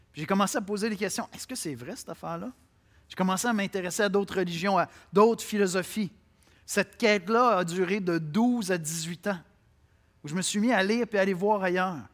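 A man preaching a sermon with a Québécois accent, speaking to listeners directly and swinging between loud declarations and quiet asides. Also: high voice. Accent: Québécois French. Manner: conversational, addresses listeners directly.

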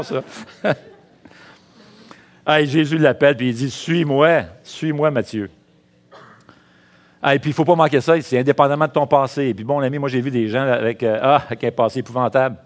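A middle-aged man preaching a sermon as pastor, in a Quebec French accent, lively and calling out to the congregation. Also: medium pitch.

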